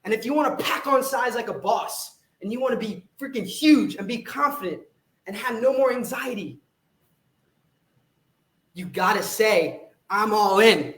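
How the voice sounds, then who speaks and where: A man's voice: very high voice, animated, moderate pace, fairly bright tone, echoey room, a little hiss or hum. A man who coaches fitness and hosts a podcast, delivering an intense, profane, fired-up motivational monologue.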